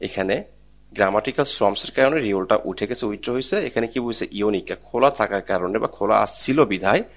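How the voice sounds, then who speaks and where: A man with a somewhat low voice teaches an exam prep lesson. He goes through each question patiently, repeating key points and asking rhetorical questions before he gives the answer. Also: fast. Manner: explains step by step, repeats and asks rhetorical questions. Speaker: Korean language teacher.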